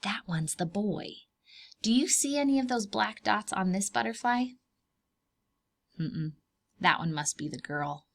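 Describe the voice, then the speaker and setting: Pausing often, this woman talks a little slowly in a gravelly, mid-range voice. As a children's read-aloud host and preschool teacher, she leads a lesson for preschoolers, putting questions to them, keeping explanations simple and emphasizing important words with expression.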